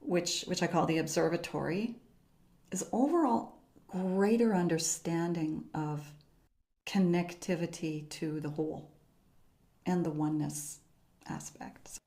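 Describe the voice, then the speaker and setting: Her voice lowish, a middle-aged woman guesting on a podcast describes her approach to teaching voice, keeping a calm, measured, unhurried pace.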